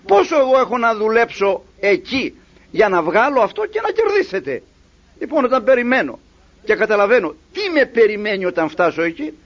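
A gloomy, resentful slave who reasons sullenly in a high, swooping voice, as a preacher puts him on. The sound is muffled and lo-fi. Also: male voice, full character voice. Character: gloomy bought slave, a grown man, resentful. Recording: dull lo-fi recording.

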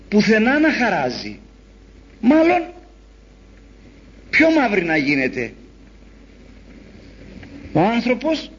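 A man preaching a sermon in an animated storytelling way, acting out the voices he quotes. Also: high voice, breathy edge. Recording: dull lo-fi recording.

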